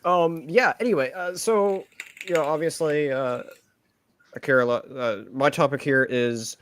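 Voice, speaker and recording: A man's voice: fairly high pitch, measured pace, a bit bright, a little hiss or hum. A man co-hosting a casual podcast, talking in a rambling way with many fillers. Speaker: podcast co-host. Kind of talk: casual chat.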